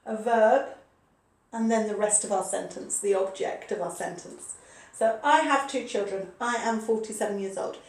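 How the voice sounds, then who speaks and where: A woman's voice: fairly high pitch, darkish tone. Patient woman teacher in her forties. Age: 40s. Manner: patient, repeats points with frequent "okay". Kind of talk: recorded online grammar lesson. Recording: echoey room, voice a bit far from the mic.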